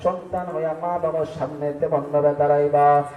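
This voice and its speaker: High-pitched chanting preacher, echoey. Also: male voice, little pitch movement, brisk, phone-quality sound, slight background noise. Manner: sing-song chanting, rising to loud calls. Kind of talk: chanted Bengali waz sermon. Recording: echoey, distant mic, faint music.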